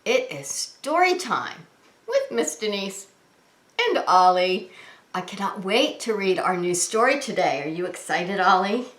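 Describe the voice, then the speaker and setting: A preschool teacher hosts story time, reading aloud and singing with small children, speaking simply and expressively and asking frequent questions. Her mid-range voice is very animated, unhurried and fairly bright. The room sounds roomy and echoey.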